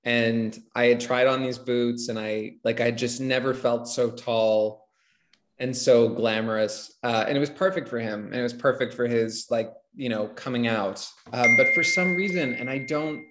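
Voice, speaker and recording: A man's voice: mid-range voice, normal speed, fairly bright tone, slight background noise. A man on a panel telling a playful, self-deprecating anecdote. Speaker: actor on a reunion panel. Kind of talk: casual anecdote.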